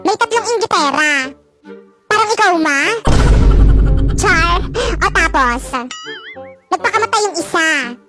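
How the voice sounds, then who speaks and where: Squeaky, very high voice doing every role in comic cartoon skits over a music bed. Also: expressive, unhurried, long pauses. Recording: music playing clearly behind the voice.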